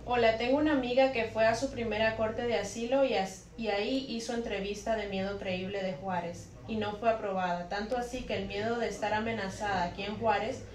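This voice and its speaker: A woman's voice: medium pitch, steady tone, fairly quick, hardly any pauses. A woman co-host reading viewer questions aloud one after another, in a plain, matter-of-fact way. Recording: echoey room, voice a bit distant from the mic.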